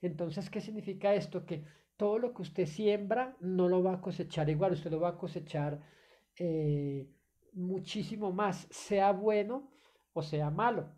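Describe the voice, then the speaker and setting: A woman preaches a sermon in a low, mellow voice. She addresses the listener formally and keeps checking that they follow. Hesitant fillers come between her phrases. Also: unhurried.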